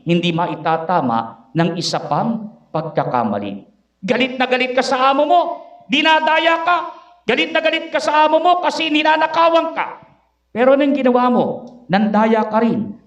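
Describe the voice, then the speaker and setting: A priest preaches his Sunday homily, putting question after question to the congregation. His voice sits high for a man. It rings out in an echoey church, picked up from some distance off.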